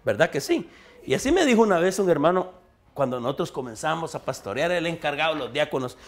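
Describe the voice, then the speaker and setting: Guatemalan pastor man preaching live in church, high voice, goes quiet then loud. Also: fairly quick. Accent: Guatemalan Spanish. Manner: animated preaching, swinging between hushed and emphatic lines. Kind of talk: sermon. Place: church service recorded live.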